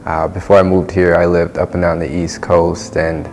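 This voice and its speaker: A man speaking in a measured, thoughtful way in an interview. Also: low-pitched, little pitch movement, darkish tone, soft background music. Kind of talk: interview testimonial.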